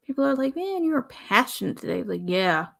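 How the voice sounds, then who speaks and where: A young woman from the American South hosting her own podcast in a casual, rambling way, pausing often and sighing. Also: high-pitched, gravelly, a bit bright. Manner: rambling, pauses often, sighs. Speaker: podcast host. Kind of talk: casual solo podcast talk.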